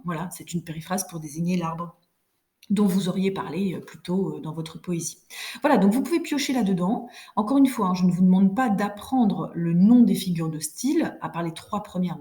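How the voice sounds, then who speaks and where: A woman's voice: on the low side, warm tone. A woman teacher giving a recorded lesson, explaining step by step and checking in with her pupils. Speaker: French teacher.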